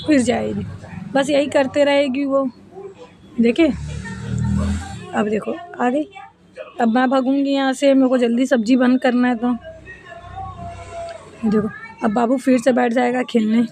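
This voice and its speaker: With a high, mellow voice, a family vlogger in her thirties talks to her viewers as if they were friends. She narrates a relaxed home vlog as she cooks and her family plays.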